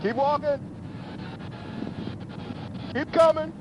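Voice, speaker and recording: A police officer calling out slow, firm commands through a patrol car loudspeaker outdoors. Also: male voice, very high-pitched. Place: outdoors at a traffic stop. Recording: muffled loudspeaker, loud vehicle noise.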